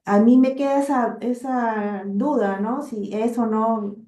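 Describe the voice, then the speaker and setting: A woman's voice: a little high, takes it slowly, warm tone, reverberant. A woman from northern Peru with a Peruvian Spanish accent, asking a hesitant question on a video call. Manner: hesitant, checks in with tag questions. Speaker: workshop participant.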